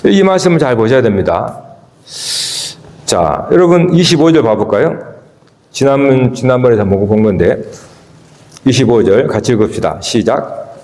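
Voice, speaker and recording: A man preaching a sermon as pastor of a church, asking the congregation questions and swinging between emphatic peaks and low, quiet stretches. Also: expressive, normal speed, pauses often. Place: church sanctuary. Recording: echoey church hall with long reverb.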